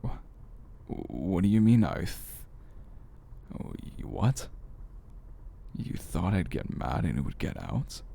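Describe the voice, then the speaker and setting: Playing a confident, flirtatious big brother for intimate ASMR, a man uses a full character voice with huge pitch swings. The voice itself is deep and dark, crackling with fry, and he teases familiarly as if close at hand. The mood is soft and probing.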